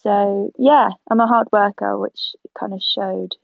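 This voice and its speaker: A South African woman in her twenties, a guest photographer, chats casually in an interview and laughs easily. Her medium-pitched voice is steady, a little slow, and creaky. The recording is dry, over a tinny, phone-like line.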